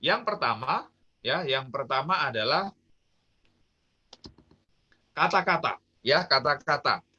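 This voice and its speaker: A man's voice: a little high, animated, slow pace, pauses often, bright, forceful tone, slightly rough, muffled recording. A man from Indonesia giving a casual online talk on communication, peppered with fillers and questions to his audience. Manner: chatty, peppered with "ya" and "gitu kan". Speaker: business trainer.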